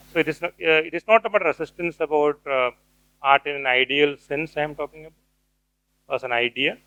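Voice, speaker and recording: A middle-aged man giving an academic lecture, pausing often with fillers and restarts. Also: a little high, pushed and bright, smooth, dry recording, low-quality recording. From India. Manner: hesitant, many fillers and restarts. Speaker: guest speaker, cultural theorist.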